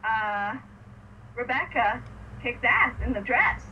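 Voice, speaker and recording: A woman co-hosting a casual fan podcast, giggly and excitable, acting out scenes as she retells them. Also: fairly high pitch, slow pace, distant mic. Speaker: podcast co-host. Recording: dull lo-fi sound with faint noise, off-mic.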